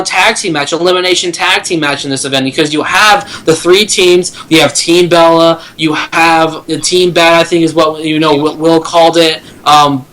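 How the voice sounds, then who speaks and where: A man's voice: a little high, fairly bright tone, low-quality recording. A man co-hosting a casual sports talk review, rambling with lots of filler phrases. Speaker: co-host.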